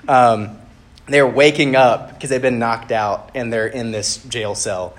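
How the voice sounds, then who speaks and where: A man's voice: medium pitch, measured pace. Man giving a casual sermon. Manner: conversational, relaxed. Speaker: campus ministry speaker.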